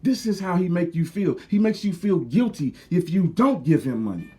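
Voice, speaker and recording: A man's voice: sits high, animated, moderate pace, warm tone. A man ranting heatedly to his viewers, profane, preachy and repetitive. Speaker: video commentator. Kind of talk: angry rant to camera.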